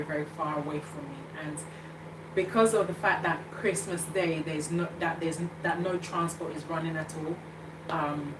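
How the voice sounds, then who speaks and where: A woman's voice: lowish voice, reverberant, recorded from a distance, noisy background. A woman in her thirties hosting a casual live chat, hesitant and full of fillers and restarts. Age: 30s. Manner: hesitant, many fillers and restarts, laughs often. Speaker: show host reading live comments.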